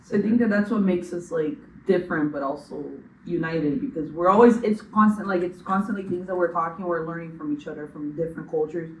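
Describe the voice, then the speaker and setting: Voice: mid-range voice, a little fast, few pauses, dull audio. A young podcast co-host from Brazil talks reflectively and at length, leaning on filler words. The mic sits well back in a roomy, echoing space with a faint hiss underneath. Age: young adult. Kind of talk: casual chat. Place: room in a school building. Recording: echoey room, distant mic.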